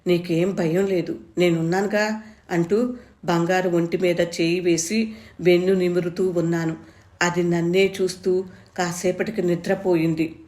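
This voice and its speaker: A woman's voice: fairly low pitch, darkish tone. Storyteller woman in an echoey room. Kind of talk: reading a story aloud.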